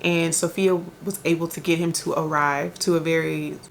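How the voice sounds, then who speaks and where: A young woman with a low, gravelly voice talks casually about books in a chatty vlog. She rambles and corrects herself as she thinks out loud. A faint hiss sits under her voice. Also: flat delivery, normal speed. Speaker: book vlogger. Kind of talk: chatty book review vlog.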